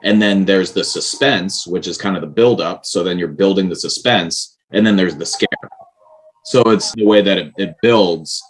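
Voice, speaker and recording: A man with a very low voice talks as a guest in a casual interview. He explains his writing earnestly and at length, often restarting his sentences. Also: normal speed, slight background noise, rough recording. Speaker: writer and director, guest.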